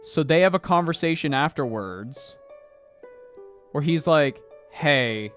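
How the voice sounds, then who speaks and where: A man streaming live while he paints miniatures, chatting casually and swearing freely, with sudden loud bursts of excitement. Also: a little high, unhurried, faint music behind.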